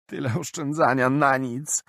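A man's voice: medium pitch, fairly even intonation, a little slow, creaky, a bit bright, no echo, studio quality, voice pushed up. A male narrator voicing a stout, bald, robbed man who sounds aggrieved and pleading. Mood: despairing.

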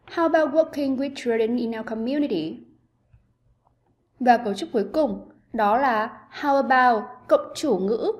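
A woman teacher giving an online English lesson to pupils, explaining grammar with clear, patient pacing. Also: on the high side, darkish tone.

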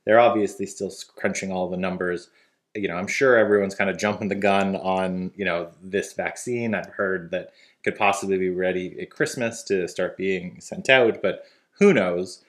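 Easygoing low-voiced man co-hosting. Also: fairly even intonation, moderate pace. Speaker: co-host. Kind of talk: casual news chat. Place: living room, on a couch.

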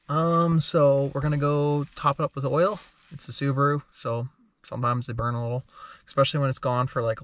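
A man in his thirties filming a casual road-trip vlog with an action camera, outdoors and inside his car, talking plainly and thinking out loud. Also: a little high. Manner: relaxed, plain, thinks aloud with ums.

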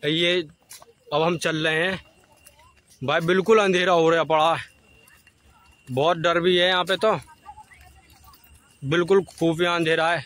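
A young man vlogging a night-time ghost challenge in dark woods, talking nervously to his viewers on a handheld phone. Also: fairly high pitch, fairly even intonation, unhurried, long pauses. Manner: nervous, hushed, addressing viewers.

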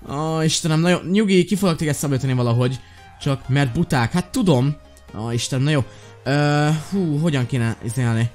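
Excitable young man narrating gameplay. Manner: excitable, jumps to high yelps when panicking. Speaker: gaming YouTuber. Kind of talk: live gameplay commentary.

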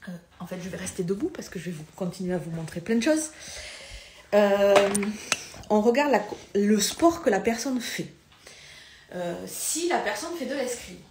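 A woman's voice: mid-range voice, a little mellow, a little hiss or hum. Woman physio teaching in an echoey room. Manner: conversational, loses her thread and picks it up again. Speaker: pelvic floor physiotherapist. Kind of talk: live video lesson with demonstrations. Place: room, moving around while demonstrating.

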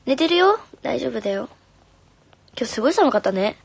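A young woman, a singer, chatting casually on a live stream, reading comments in a soft, friendly way and sometimes whispering. Her voice is slightly hoarse. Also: high voice, sing-song, a little fast, no room sound. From Japan. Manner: soft and friendly, drops to whispers now and then. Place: home room. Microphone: phone.

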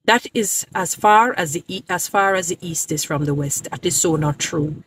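A woman's voice: on the low side, moderate pace, a bit bright, a little hiss or hum. Emphatic woman lecturing from her car. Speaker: social media creator. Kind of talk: direct-to-camera preaching commentary. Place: parked car. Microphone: phone camera at arm's length.

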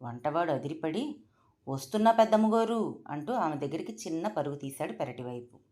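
Woman reading a funny family story, deep low voice, mellow and warm. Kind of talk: scripted narration of a story.

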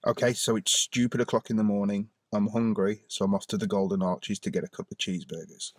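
A man's voice: fairly low pitch, level tone, quick pace, no echo, poor audio. A man chatting casually and jokily to camera from inside his car at night, rambling a little with fillers. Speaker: vlogger. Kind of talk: casual vlog narration. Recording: car engine noise behind.

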